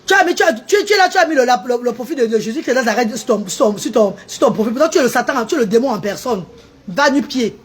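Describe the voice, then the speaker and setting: Fast and husky, her slightly high voice is full of expression. The Cameroonian woman behind a charity restaurant mocks her live-stream commenters and slips in updates on the restaurant.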